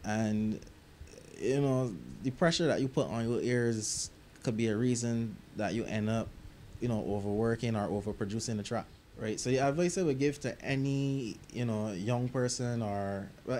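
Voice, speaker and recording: With slight background noise, a young music producer from Barbados talks in a medium-pitched voice about his work. The interview takes place in a recording studio, and his manner is relaxed and reflective, drifting into local grammar.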